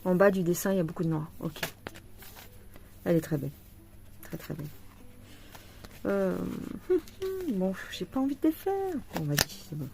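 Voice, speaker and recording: A woman's voice: fairly low pitch, very animated, moderate pace, gravelly, pauses often. A tired woman chatting to viewers while showing a cross-stitch kit at home, laughing often. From France. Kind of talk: casual chat unboxing a craft kit.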